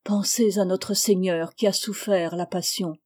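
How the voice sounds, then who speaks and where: A gentle village vicar, read by a woman in a storybook, soothing and kind. The voice stays soft and warm, never pushing. His manner is calm and reassuring. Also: mid-range voice, a little slow, natural voice. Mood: kindly.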